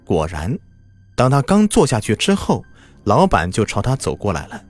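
A man's voice: mid-range voice, wildly swooping pitch, normal speed, a little mellow. A man telling a scripted horror story in a dramatic style that builds tension, over background music.

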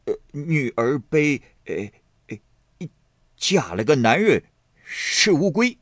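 A man voicing a boorish, blustering rich young man who hems and pauses between words, in a story reading. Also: a little high, sing-song, a bit bright, dry recording, studio quality, pitched above the performer's own voice, heavily acted. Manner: hemming with drawn-out pauses.

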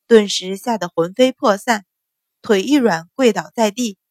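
A woman narrating a story in a steady, even reading voice, acting out the dialogue of its characters. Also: mid-range voice, unhurried, dry recording, studio quality.

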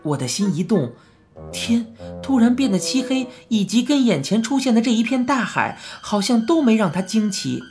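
A woman reads a children's audiobook aloud. Her voice sits a bit high and moves expressively through each sentence. Soft music plays faintly behind her. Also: normal speed. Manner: expressive storytelling. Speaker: audiobook narrator.

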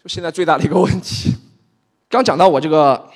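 A man's voice: on the high side, fast. A man in his thirties from Shanghai doing stand-up, wry and self-mocking, slipping English phrases into his talk. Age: 30s. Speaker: stand-up comedian. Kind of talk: stand-up comedy. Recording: long reverb of a large hall.

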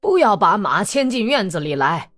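A woman voicing a stern, dignified old man who speaks firmly and deliberately. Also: medium pitch, sing-song, voice pushed up. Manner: firm, measured, stern.

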